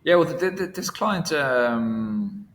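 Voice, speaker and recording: A man's voice: medium pitch, animated, slow pace, fairly bright tone, a little hiss or hum. A man co-hosting a casual industry podcast, talking in a hesitant way with lots of restarts. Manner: hesitant, many fillers and restarts. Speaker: podcast co-host, analyst.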